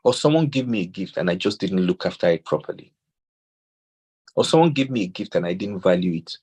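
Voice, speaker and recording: Speaking fairly fast in a low, slightly rough voice, this Nigerian man gives a parenting talk full of stories and scripture. He's a lively storyteller who performs the quoted dialogue.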